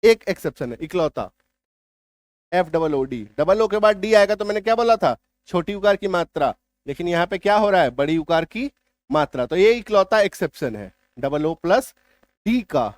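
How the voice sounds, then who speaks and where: High-voiced man teaching spelling rules. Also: dry recording, clean studio sound. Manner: repeats key points with rhetorical questions. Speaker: English teacher. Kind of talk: spoken spelling lesson.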